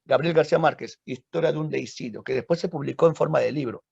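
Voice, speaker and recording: A man's voice: a little high, fast, vocal fry, a little mellow, slightly rough, dry recording. A man with a Peruvian accent, a literature teacher telling a story as a dramatic lecture, with frequent tag questions to his listeners. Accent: Peruvian Spanish. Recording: dull lo-fi recording.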